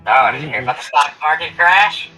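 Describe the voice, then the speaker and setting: A man talking through a high-pass filter that makes him sound like an old-time radio broadcast, casual and joking. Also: lively intonation, brisk, pushed and bright, soft background music, full character voice, low-quality recording. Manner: casual, joking, fiddling with settings.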